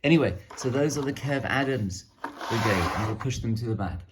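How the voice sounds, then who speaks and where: A man's voice: mid-range voice, a little fast, heavy background noise. A man casually showing off his painted miniatures, rambling and self-deprecating. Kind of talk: casual hobby show-and-tell.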